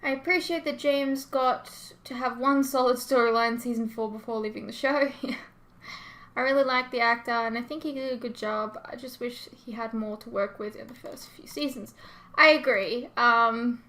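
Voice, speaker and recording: An Australian reaction host chats casually with her viewers, reading and answering comments in an informal, rambling, self-deprecating way. Her voice sits a little high and is bright and forceful, at a normal speed.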